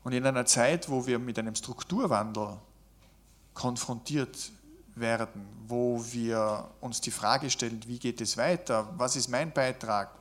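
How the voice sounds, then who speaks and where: A man giving a reflective spoken lecture, measured and deliberate, building his points in long lists. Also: medium pitch.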